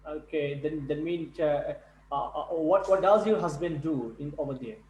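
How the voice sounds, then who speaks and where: A male tutor running an online speaking class, halting and repeating words. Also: fairly high pitch, roomy sound, a loud crowd, low-quality recording. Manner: halting, repeats words, non-native English. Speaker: English test tutor. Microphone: video call.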